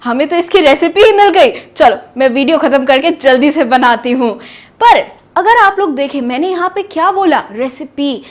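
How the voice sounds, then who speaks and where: A woman leads an online pronunciation lesson. She quizzes her viewers playfully and stretches out key words to stress them. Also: high-pitched. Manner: lively and teasing, quizzes the viewers, drawn-out emphasis on words. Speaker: English teacher.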